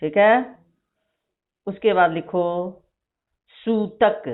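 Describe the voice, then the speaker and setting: Woman, teacher, unhurried word-by-word dictation, repeats each word, thin phone-quality recording. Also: medium pitch. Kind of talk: dictating a vocabulary lesson. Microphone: phone recording of an online class. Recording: tinny phone-like screen recording.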